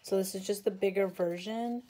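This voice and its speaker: In a casual video, a woman shows off her craft supply haul, gushing over every item with breathless exclamations and admitting she's tired. Her voice is medium-pitched, steady and mellow at a normal speed, with a little hiss or hum in the recording.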